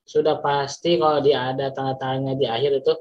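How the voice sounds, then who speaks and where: Male teacher with a Sundanese accent, mid-range pitch, patient repetitive lesson delivery, muffled recording. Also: flat delivery. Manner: repeats examples slowly, stretching words for emphasis. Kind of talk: classroom lesson explanation. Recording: slightly dull lo-fi recording.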